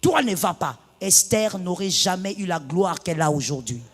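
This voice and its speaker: A woman pastor preaching a sermon, moving from hushed tones to loud bursts. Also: fairly low pitch, lively intonation, normal speed. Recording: long reverb of a large hall.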